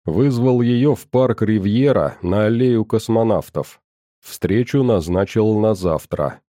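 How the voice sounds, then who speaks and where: Male first-person audiobook narrator, measured and calm, dark dry timbre. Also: fairly low pitch, dry recording.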